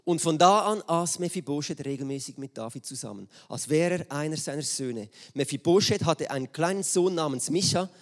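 A man preaching a sermon, reading a Bible story aloud and telling it in a lively way. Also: fairly high pitch, fairly quick, hardly any pauses. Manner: lively storytelling, acts out quoted voices. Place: church hall with screen.

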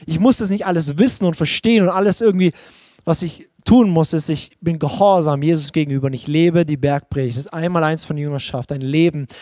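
A man's voice: on the high side, dark tone, no echo, studio quality. A man preaching a livestreamed sermon in a personal, searching way, often restarting his sentences. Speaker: pastor.

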